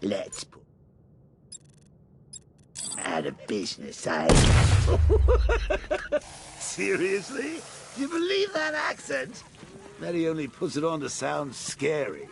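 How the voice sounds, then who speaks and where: A gravelly taunting clown villain. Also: male voice, fairly high pitch, wildly swooping pitch, slow pace, long pauses, noisy background, heavily acted. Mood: mocking. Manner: mocking, theatrical, sing-song taunts. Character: taunting manic clown villain, adult man. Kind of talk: video game voice acting. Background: game music score.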